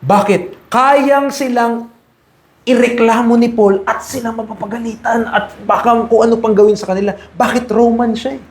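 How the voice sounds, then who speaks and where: A man's voice: very high voice, fairly even intonation, normal speed. A male evangelist preaching a sermon to his congregation, emphatic and full of rhetorical questions to his listeners. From Philippines. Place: church hall. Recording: echoey church room.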